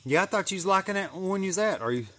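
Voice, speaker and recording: The host walks viewers through his greenhouse garden during an outdoor livestream, rambling folksily and swearing a little. He speaks fast in a high-pitched, expressive voice over background noise.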